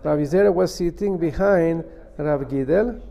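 High-voiced New man teaching. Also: normal speed, gravelly, mellow. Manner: emphatic, repeats and explains step by step. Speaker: rabbi teaching a Talmud class. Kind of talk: religious lesson, reading and translating a text phrase by phrase.

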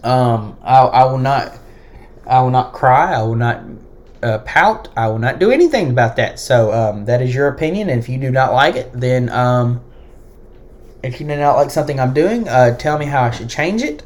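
A man's voice: medium pitch, lively intonation, moderate pace. A man hosting his own sports podcast, talking alone in a hesitant way with many fillers and restarts. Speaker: podcast host. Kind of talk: solo sports podcast talk.

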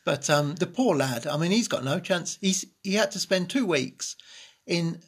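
Husky man with dry teasing. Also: on the high side, expressive, normal speed. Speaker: podcast co-host. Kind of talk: casual chat.

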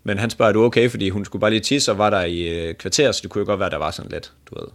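A man's voice: fairly low pitch, fairly bright tone. A man casually retelling an embarrassing date story to a co-host, joking crudely and laughing along. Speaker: podcast host.

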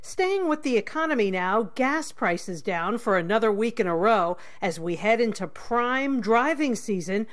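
A woman's voice: on the high side, lively intonation, a little slow, hardly any pauses. A woman news anchor reading a scripted radio newscast.

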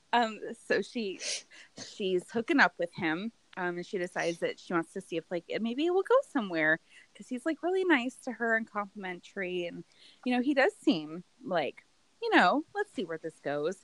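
A woman co-hosting a casual chat, recapping a TV show in an animated, giggly way with some swearing. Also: mid-range voice, normal speed, no room sound. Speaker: podcast co-host.

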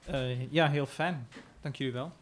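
A man's voice: medium pitch, fairly even intonation, measured pace, a little hiss or hum. Hesitant man chatting. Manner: hesitant, many fillers. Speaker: playwright being interviewed. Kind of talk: casual interview chat.

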